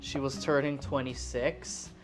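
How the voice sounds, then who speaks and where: Cooking in her home kitchen, a Philippine vlogger in her twenties offers rambling, self-mocking chatter. Her voice rumbles low with little pitch movement and runs a little slow, set over music.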